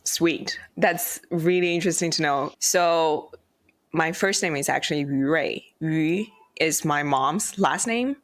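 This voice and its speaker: A man's voice: fairly high pitch, a little slow, a bit bright, no echo, clean studio sound. A man hosting a podcast, asking friendly, curious questions in casual chat. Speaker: podcast host. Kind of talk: casual interview.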